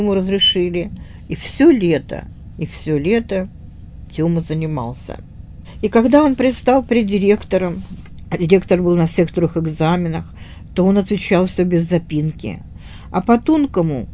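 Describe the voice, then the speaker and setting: A woman's voice: lowish voice, dark tone, slight background noise. A woman retelling a story aloud in her own words, unscripted, with small fillers and restarts.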